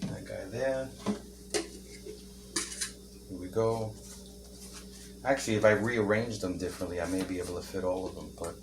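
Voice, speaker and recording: A man's voice: sits low, steady tone, moderate pace, long pauses, noisy background. A man hosting a casual home cooking video, chatting and joking as he works and eats. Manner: chatty, joking, talks while eating. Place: home kitchen. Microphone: camera mic, no camera operator.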